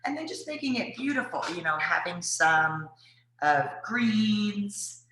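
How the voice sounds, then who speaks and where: A woman's voice: mid-range voice, lively intonation, unhurried, pushed and bright. A woman giving casual cooking tips to viewers, chatty and rambling with lots of fillers. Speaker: wellness presenter. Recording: very echoey room.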